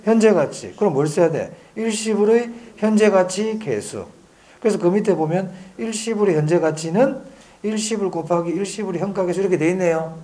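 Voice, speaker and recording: A man teaching an exam-prep lecture, drilling students with rapid back-and-forth questions and slowly stretching out key phrases. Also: high-pitched, dark tone.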